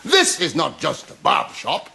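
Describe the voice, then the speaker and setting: A pompous Guyanese barber. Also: male voice, a little high, huge pitch swings, normal speed, gravelly, bright, forceful tone, full character voice. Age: older. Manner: pompous, lecturing. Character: boastful older male barber, showy and secretive. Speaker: barbershop owner. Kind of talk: studio sitcom acting.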